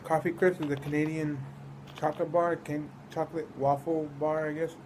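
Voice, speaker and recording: A man's voice: a little high, flat delivery, moderate pace, a little mellow, slight background noise, poor audio. A man from the United States giving a casual, rambling food review, often trailing off mid-thought. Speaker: snack reviewer.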